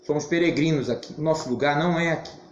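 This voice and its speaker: Hoarse animated teacher. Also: male voice, a little high, fast. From Brazil. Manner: animated, emphatic, occasional shouting. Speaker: Sunday school teacher. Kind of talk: church Bible class teaching. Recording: roomy, dull, faint hiss.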